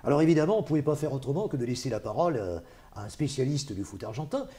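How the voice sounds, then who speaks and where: A man's voice: medium pitch, lively intonation, rapid-fire, mellow. A man hosting a local TV talk show, introducing guests and steering the discussion. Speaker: TV host. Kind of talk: live studio talk show.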